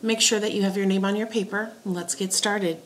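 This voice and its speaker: A woman teacher dictating spelling words and sentences in a deliberate way, setting words apart and repeating them. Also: medium pitch, fairly even intonation. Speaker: teacher giving a spelling test.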